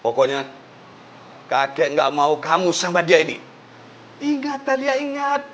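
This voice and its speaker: A man's voice: on the high side, a little slow, a bit bright, highs cut off. Older, stern protective grandfather; firm and scolding, light noise behind.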